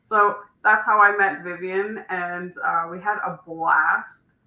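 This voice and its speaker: Bright cheerful woman co-host, echoey room. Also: on the low side, steady tone, slow pace, dull audio, a little hiss or hum. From Northern Alberta, Canada. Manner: cheerful, laughs easily. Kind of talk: casual video call chat. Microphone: video call.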